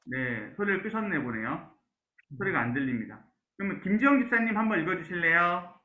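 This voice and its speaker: A man's voice: sits high, animated, brisk, sharp tone. A male pastor giving an online Bible class, peppering his talk with "so" and "yes" fillers and asking the class questions. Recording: roomy, dull lo-fi sound.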